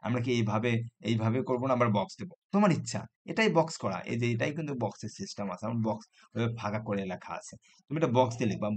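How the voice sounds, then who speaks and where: A man teaches a math lesson to school students. He walks through place values step by step, reading each digit aloud at an unhurried pace. He checks in with his listeners again and again. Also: medium pitch. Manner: patient, repeats "হ্যাঁ?" to check students follow.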